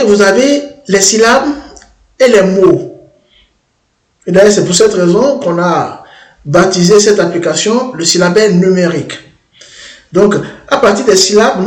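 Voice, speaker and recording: A high-pitched man demonstrates a language-learning app on screen in an echoey room, stumbling along with frequent restarts and repeated words.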